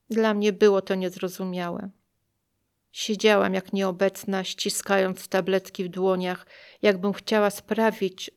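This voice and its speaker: A woman reading her own first-person story aloud in a measured, reflective way. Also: medium pitch, clean tone.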